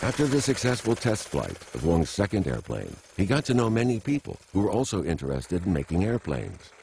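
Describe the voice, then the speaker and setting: A man reading scripted documentary narration in a measured, even way. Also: deep voice, vocal fry, slight background noise. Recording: faint music behind.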